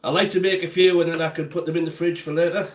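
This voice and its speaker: A chatty man hosts a relaxed cooking stream, talking to his viewers by name while he works at the stove. His voice sits a little high for a man, and the home kitchen gives it a roomy, echoey sound. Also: fast talker. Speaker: cooking livestream host. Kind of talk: casual live-stream chat while cooking.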